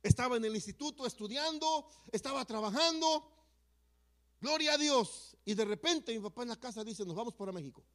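A man tells his church testimony in his fifties' voice, pitched unusually high for a man. He speaks earnestly, dropping to a hush at some moments and pressing hard with emphasis at others. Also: animated, fairly quick. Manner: earnest, swings from hushed to emphatic. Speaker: church member giving testimony. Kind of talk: personal testimony storytelling.

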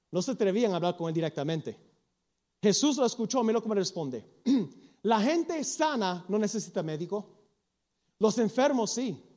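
High-voiced man preaching animatedly. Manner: animated storytelling, acting out quoted lines; slips into English phrases. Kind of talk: sermon.

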